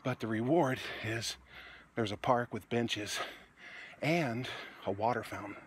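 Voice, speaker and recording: A man in his forties, out of breath and chatty, vlogging on a phone held at arm's length while walking a dark street at night. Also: mid-range voice, measured pace. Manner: tired, winded, chatty. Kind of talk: casual walking vlog. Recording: noisy outdoor phone recording.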